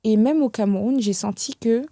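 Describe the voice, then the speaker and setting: Young woman guest, reflective and hesitant, mellow timbre, dry close sound. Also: on the high side, normal speed, no room sound. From France. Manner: reflective, hesitant, many fillers and restarts. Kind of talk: casual podcast conversation.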